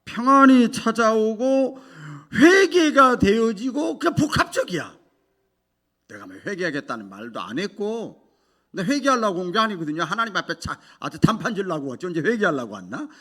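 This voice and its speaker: Lively, bright-voiced Korean pastor preaching. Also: male voice, high voice, moderate pace. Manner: emotional testimony, swinging from hushed to loud. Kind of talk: sermon.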